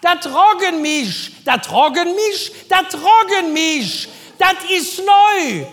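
A woman's voice: very high voice, animated, pitched above the performer's own voice, full character voice. Woman putting on a hollering shop worker. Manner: drawn-out, shouting across the shop. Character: loud bossy woman shop worker yelling from back. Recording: reverberant stage hall.

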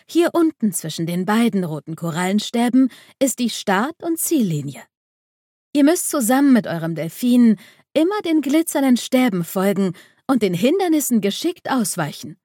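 A kind mermaid teacher explains patiently and reassures her pupils, as a woman reading the storybook puts her on. The voice is mellow and soft-edged. The recording is dry and close. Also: a little high, big pitch swings, normal speed, no room sound. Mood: reassuring.

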